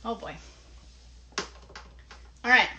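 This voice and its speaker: Over a noisy live stream full of clicks, a children's live show host speaks straight to kids in an interactive play session, teaching and singing a hand game with encouraging, instructive directions. Her voice is pushed and bright, with drawn-out words and the highs cut off.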